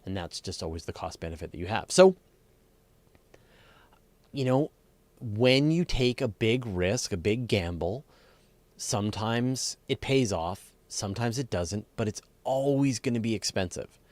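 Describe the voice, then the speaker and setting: Hosting a live astronomy question-and-answer session, a man improvises his explanations using simple examples and emphasizes the key words. His fairly low voice is expressive, unhurried and a bit mellow, with no echo.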